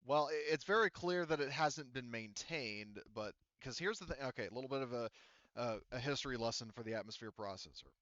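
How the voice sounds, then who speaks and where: Running a tabletop game as game master, a man rambles casually, heavy on fillers and dropping the odd swear word. His medium-pitched voice is fairly bright and a little fast, recorded lo-fi with no echo.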